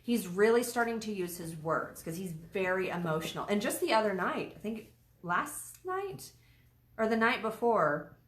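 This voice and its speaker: Woman co-host in her thirties, chatty and lively, casual talk, echoey room. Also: medium pitch, normal speed. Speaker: podcast co-host. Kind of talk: casual chat.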